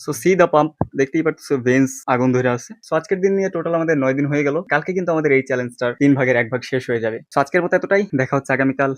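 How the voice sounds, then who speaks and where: Very fast-talking man, casual fitness vlogger. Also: mid-range voice, no room sound. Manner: informal, addresses viewers directly.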